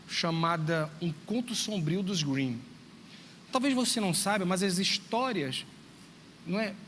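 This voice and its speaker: Man, high-pitched, church talk to parents, long reverb. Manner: lively storytelling, acts out dialogue, addresses listeners directly. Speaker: teacher speaking to parents. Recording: long reverb, faint background noise.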